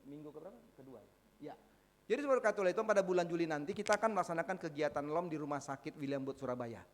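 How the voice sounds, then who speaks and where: A man giving church announcements to his congregation, an animated storyteller who keeps addressing them directly. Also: on the high side, rapid-fire. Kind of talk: church announcements with a told anecdote. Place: church hall. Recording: long hall reverb.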